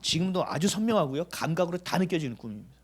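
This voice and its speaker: A man's voice: on the high side, lively intonation, fast talker, husky. A middle-aged male pastor preaching a sermon, telling stories animatedly, acting out dialogue and pressing with emphatic rhetorical questions.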